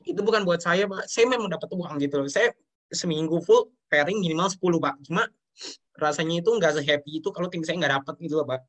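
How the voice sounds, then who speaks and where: In this emotional interview, a young man from Indonesia recounts his business journey, earnest and often deferential toward the host. His voice is a little high and fairly bright, and he talks fast.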